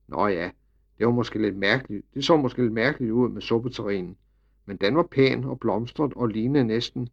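A man narrating a children's storybook with lively, expressive storytelling. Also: mid-range voice, creaky. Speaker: audiobook narrator. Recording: slightly dull recording.

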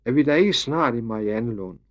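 A man's voice: medium pitch, animated, a bit bright, lo-fi sound, natural voice. A man voicing a cheeky, curious little farm boy.

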